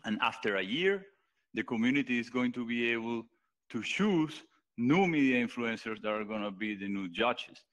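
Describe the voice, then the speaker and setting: An earnest man pitches his idea over a voice chat. He talks at a middle pitch, with frequent fillers and restarts. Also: expressive, normal speed, a bit bright, poor audio. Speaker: guest presenting his post. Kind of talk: casual pitch on a live voice chat.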